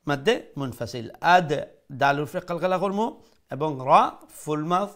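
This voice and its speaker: A man teaching Quran recitation, modelling each word slowly and switching into English to explain. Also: on the high side, lively intonation, fairly bright tone. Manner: slow, deliberate, repeats words to model pronunciation, mixes English into explanations. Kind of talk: tajweed lesson, letter-by-letter.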